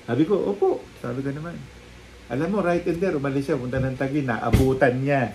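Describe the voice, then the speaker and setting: A man chatting casually as a guest on a live talk show, telling lively anecdotes and acting out the people in them. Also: medium pitch, a little fast, background noise. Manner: lively storytelling, acting out quoted people, frequent laughs. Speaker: guest storyteller, psychic. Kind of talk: casual chat, animated anecdotes.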